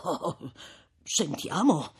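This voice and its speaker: A man's voice: a little high, big pitch swings, drawn-out words, husky, exaggerated voice. A man reading an audiobook voices an older, timid, gossipy village priest who chuckles, gloats and rambles with hesitations. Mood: wary.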